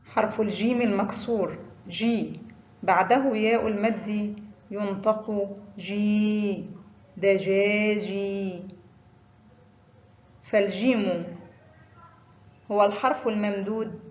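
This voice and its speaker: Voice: medium pitch, fairly even intonation, a little mellow. Teacher voice, recited phonics drill, example words drawn out; slightly muffled, roomy sound. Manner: drawn-out example words after brisk letter rules. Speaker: Arabic teacher. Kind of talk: slow recited phonics lesson.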